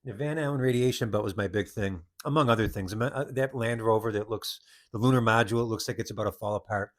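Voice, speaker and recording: A man's voice: on the low side, quick pace. A man hosting a podcast, telling a story in a rambling, casual monologue with many restarts. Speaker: podcast host.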